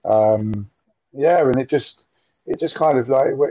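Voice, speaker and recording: Halting and full of fillers and repeated words, a forties man from Nottingham tells stories as a guest in a relaxed interview. His medium-pitched voice is mellow, with no room sound. He joins by video call from a room at home with window blinds, and the audio comes through muffled and dry.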